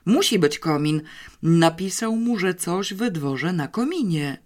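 An audiobook narrator voicing an energetic, impulsive schoolboy who blurts out his answers. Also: medium pitch, a little slow, lightly acted. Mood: excited. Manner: blurting, determined, loud. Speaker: child character in an audiobook. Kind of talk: audiobook character reading.

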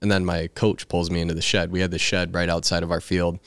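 A young man with a very low voice tells his baseball story in a loose, profane, animated way. The sound is dry and close, with no room around it. He jumps into the other people's voices as he goes. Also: fast talker, clean tone, no room sound. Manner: animated, swears freely, acts out quoted voices. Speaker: guest, baseball player. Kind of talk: casual storytelling chat.

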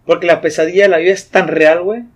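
A young man with a Mexican accent, chatting casually in a slangy, animated way and laughing often. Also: a little high, fast. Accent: Mexican Spanish. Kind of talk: casual chat.

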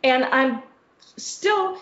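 Woman co-host, rambling and foul-mouthed storyteller, higher voice, muffled lo-fi sound. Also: expressive, extremely slow, fairly bright tone. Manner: rambling, profane storytelling with many "like" fillers. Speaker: podcast co-host. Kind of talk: casual chat. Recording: echoey room, dull lo-fi sound.

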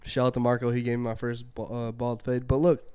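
A young man co-hosting a podcast, his voice smooth and resonant. He talks loosely and swears freely, riffing and telling stories in easy casual chat. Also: medium pitch, monotone, a little fast, a little mellow. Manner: loose, profane storytelling. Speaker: podcast co-host.

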